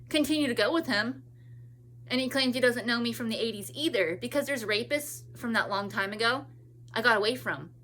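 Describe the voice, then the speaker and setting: A woman's voice: a little high, sharp tone. A woman in her thirties from California, talking in a rambling personal monologue with many restarts and trailing thoughts. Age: 30s. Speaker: vlogger.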